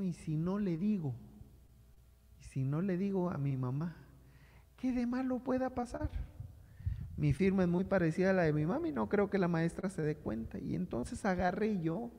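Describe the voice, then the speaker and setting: High-voiced northern Mexican pastor, echoing hall. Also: male voice, a little slow, vocal fry, pauses often. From Hermosillo, Sonora, Mexico. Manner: animated storyteller, acts out voices. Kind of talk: storytelling sermon.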